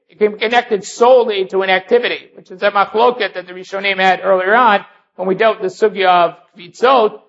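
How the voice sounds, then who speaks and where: High bright-voiced man teaching Talmud. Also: highs cut off. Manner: explains step by step, reads Aramaic then translates. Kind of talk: Talmud study lecture.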